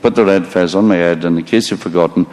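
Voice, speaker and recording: Talking quickly in a low, a little mellow voice, a storyteller delivers a meandering live monologue full of profanity and self-mockery, breaking off to apologize for his mistakes. The audio quality is poor.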